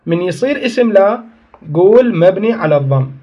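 A man's voice: sits high, animated, fairly quick, dull audio. A man teaching a grammar lesson, explaining step by step, asking and answering his own questions and correcting himself as he goes. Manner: corrects himself mid-sentence.

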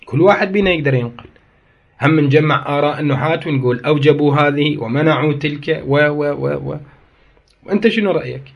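Iraqi man teaching grammar, fairly high voice. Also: fast, vocal fry, dull audio. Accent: Iraqi Arabic. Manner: reads a text aloud, then explains and argues with it; repeats key phrases for emphasis. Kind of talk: grammar lecture.

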